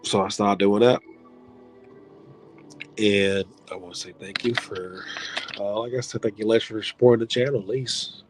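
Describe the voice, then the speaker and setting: A man's voice: on the low side, steady tone, moderate pace, pauses often, over music. A man hosting his own online show, rambling through heartfelt thank-yous in a casual farewell video, with some swearing. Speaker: online league host signing off.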